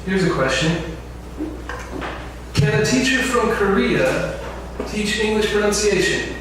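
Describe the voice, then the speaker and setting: A male instructor with a high, expressive voice lectures slowly during an info session, often asking his class questions. The recording was made in a large lecture room, so it's very echoey, with the mic far away and a little faint noise.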